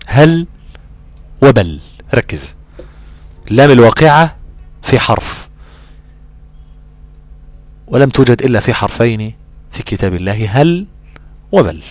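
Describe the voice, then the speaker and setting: A man with an Egyptian accent teaching Quran recitation rules in a lively, conversational way, acting out imagined student questions. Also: medium pitch, no echo. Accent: Egyptian Arabic. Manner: animated, acts out imagined student exchanges, drawn-out recitation examples. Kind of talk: Egyptian colloquial tajweed lesson.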